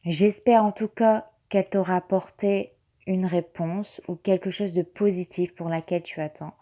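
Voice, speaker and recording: A woman speaking gently and soothingly, without hurry, as a tarot reader and meditation guide. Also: on the low side, fairly even intonation, moderate pace. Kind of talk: soft-spoken spiritual card reading and guided meditation.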